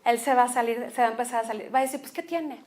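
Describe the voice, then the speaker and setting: A woman pastor with a Mexican Spanish accent preaching a sermon, expressive and repeating phrases for emphasis. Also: fairly high pitch, very fast.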